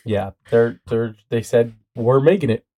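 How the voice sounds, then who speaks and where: This young podcast host, congested from a cold, jokes and rambles animatedly through a casual chat with friends. He has a mid-range voice at a measured pace, and the audio is narrow and tinny.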